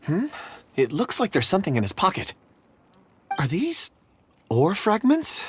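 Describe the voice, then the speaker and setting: An actor playing a gentle, dreamy, earnest young man in a video game, polite and soft-hearted in manner. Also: high voice, huge pitch swings, unhurried, slightly rough, full character voice. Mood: thoughtful. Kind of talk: scripted video game dialogue.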